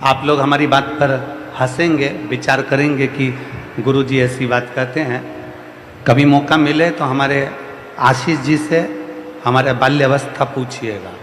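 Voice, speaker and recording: A man's voice: medium pitch, fairly even intonation, a little slow, fairly bright tone, slight background noise. A man with a central Indian Hindi accent delivering a devotional sermon, building each point through rhythmic repeated refrains. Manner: repetitive, rhythmic preaching with rising refrains. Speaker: kathavachak preacher. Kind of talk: devotional sermon to a large crowd. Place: large outdoor or hall religious gathering. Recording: echoey hall, long reverb, faint music.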